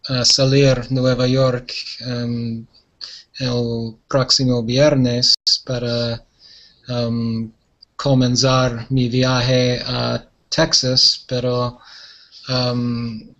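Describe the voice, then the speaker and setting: A male student on a video call speaks in a very flat, level voice and at a very slow pace. He pauses often to search for his words, and the sound is muffled. He is an unsure beginner who is trying hard. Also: mid-range voice. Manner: halting learner, searches for words. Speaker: language student. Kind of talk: online class conversation.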